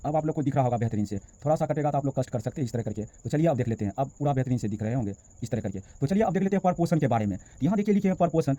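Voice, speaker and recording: A man teaching a school biology lesson, reading English definitions slowly word by word and explaining them in Hindi. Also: mid-range voice, warm tone. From India. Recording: dull, dry, lo-fi recording.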